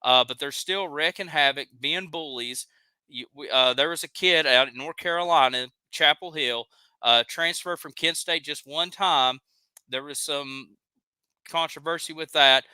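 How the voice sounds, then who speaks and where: A man's voice: a little high, a little slow, bright, forceful tone, clear, resonant tone, dry recording. A man with a Southern accent hosting a live stream, ranting heatedly and reading chat comments aloud. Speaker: live show host.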